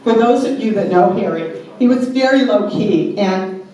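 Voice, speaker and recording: A woman tells chatty stories and a joke at a memorial gathering, in an unhurried, mid-pitched voice. She sits well back from the mic, and her voice rings through a very reverberant hall over faint room ambience. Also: lively intonation, warm tone. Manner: chatty storyteller, joke-telling. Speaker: family member giving a tribute. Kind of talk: anecdotal memorial speech. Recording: very echoey hall, mic far off.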